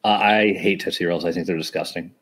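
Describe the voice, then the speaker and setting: A man's voice: sits low, steady tone, brisk, a bit bright. A man co-hosting a podcast, chatting casually and joking with his co-host. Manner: joking, banter. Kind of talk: casual chat.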